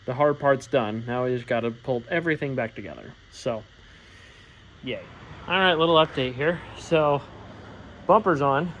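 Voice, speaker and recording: A relaxed man talks through where his car build stands, listing parts and jobs in a loose, meandering way. His voice sits at an ordinary middle pitch, and a faint hum of background noise sits under it. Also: moderate pace, long pauses. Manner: rambling, lots of fillers, easygoing. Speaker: vlogger working on his car. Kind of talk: casual project update.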